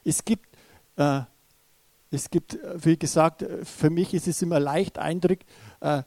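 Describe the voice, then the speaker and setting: Higher-voiced male preacher, dry sound. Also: steady tone, a little slow, darkish tone, no room sound. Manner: retells a story, often restarting with hesitant fillers; addresses listeners directly and urgently. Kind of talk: sermon.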